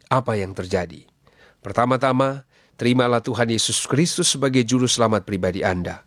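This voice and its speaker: A man's voice: mid-range voice, fairly bright tone, dry recording, clean studio sound. A man preaching a radio sermon, earnest and exhorting, asking his listeners question after question.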